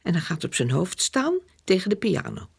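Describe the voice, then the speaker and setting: A woman reading a children's story aloud slowly and gently, with a husky, creaky voice. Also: lowish voice, wildly swooping pitch. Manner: slow gentle storytelling with breathy hushed passages. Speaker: reader.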